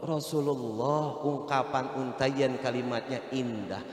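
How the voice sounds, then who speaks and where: A man giving a humorous sermon as an Islamic preacher, telling stories in a lively way and acting out the people in them. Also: mid-range voice, slow pace. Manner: lively storytelling with acted voices and humor. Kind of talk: comic sermon. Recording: echoey hall reverb.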